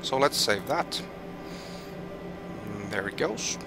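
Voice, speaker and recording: Loud music sits behind this man's slow voice, which is on the low side but lively in intonation. He has a Finnish accent, is from Finland, and streams a flight simulator with live, think-aloud commentary, reading weather and route figures amid hesitant restarts.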